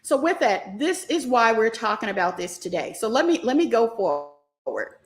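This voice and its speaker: A middle-aged woman hosting a live online stock class, talking fast and animated while she reacts to viewer comments. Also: fairly high pitch. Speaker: stock market class host.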